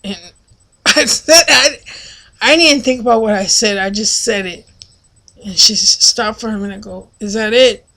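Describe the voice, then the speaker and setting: A woman vlogging casually, telling a rambling story full of fillers and restarts and acting out other people's lines. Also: moderate pace. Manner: acts out other people's lines in a loud, high voice.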